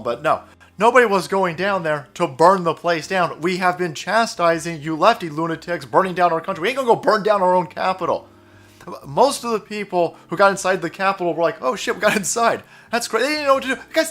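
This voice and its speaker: A man's voice: sits high, a bit bright. A man giving a casual, profane and sarcastic political rant while commenting on images. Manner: profane, sarcastic, frequent laughs.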